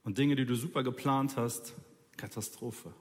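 A man's voice: mid-range voice, normal speed, darkish tone, big-room sound. A man preaching an informal sermon, talking straight to his listeners in a colloquial, ironic way.

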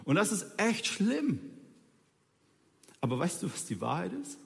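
High-voiced casual preacher in a reverberant room. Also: male voice, wildly swooping pitch, unhurried, vocal fry. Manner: colloquial and ironic, speaks straight to listeners. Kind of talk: informal sermon.

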